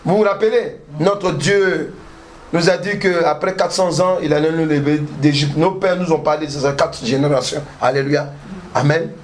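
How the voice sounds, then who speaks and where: A male pastor preaching a sermon with emphatic call-and-response, peppered with alléluia and amen, breaking into shouts. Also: fairly high pitch, fairly even intonation, normal speed, a little hiss or hum. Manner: bursts into shouting.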